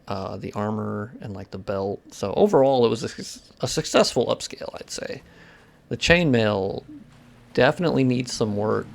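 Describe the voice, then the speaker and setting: A man's voice: medium pitch, gravelly. A man streaming gameplay live, talking casually with his viewers, swearing freely and explaining technical details between reactions. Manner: casual and profane, chatting with viewers while playing. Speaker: game streamer.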